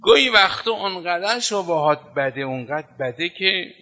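A male preacher delivers a sermon in a tense, piercing voice pitched a little above the usual for a man. He drives his points home with emphatic, rhythmic repetition. His words ring out with the long reverb of a large hall. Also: lively intonation, bright, forceful tone. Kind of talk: sermon with storytelling.

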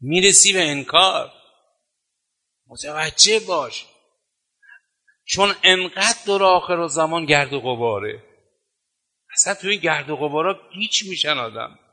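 A male preacher delivers a sermon in a tense, piercing voice pitched a little above the usual for a man. He drives his points home with emphatic, rhythmic repetition. His words ring out with the long reverb of a large hall. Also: lively intonation, long pauses, sharp tone. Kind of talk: sermon with storytelling.

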